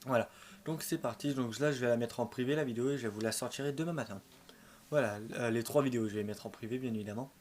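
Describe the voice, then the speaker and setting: A man's voice: mid-range voice, fast, darkish tone. A man giving casual let's-play commentary as a gaming video host, rambling and often repeating or correcting himself. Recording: clearly noisy home recording.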